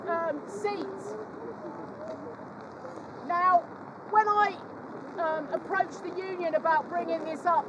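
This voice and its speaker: A woman's voice: very high-pitched, lo-fi sound. A middle-aged woman giving a personal public speech at an outdoor gathering in the rain. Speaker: speaker at outdoor women's rally. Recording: noisy outdoor crowd recording with traffic.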